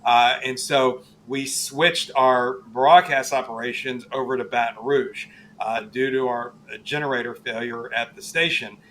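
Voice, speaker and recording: Halting, conversational man explaining things. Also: mid-range voice, steady tone, a bit bright, slight background noise, poor audio. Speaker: guest, television chief meteorologist.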